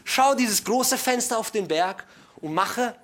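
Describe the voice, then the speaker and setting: A middle-aged man preaching a sermon to his congregation, folksy and joking, dropping to hushed asides and then building to loud, emphatic passages. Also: high voice, expressive, unhurried. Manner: folksy, joking, addresses listeners directly.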